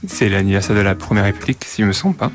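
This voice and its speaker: A woman's voice: rumbling low, racing, soft background music. A woman guest on a radio show, chatting casually and a bit hesitantly. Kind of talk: casual chat.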